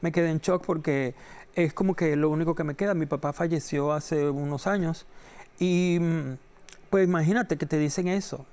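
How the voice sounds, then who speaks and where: A middle-aged man from Venezuela tells stories as an interview guest, his voice sitting a little high for a man. He acts out every character in his anecdotes, his pitch leaping up whenever he quotes someone. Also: moderate pace, a little mellow, smooth. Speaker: entertainment reporter, interview guest. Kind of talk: animated storytelling in an interview.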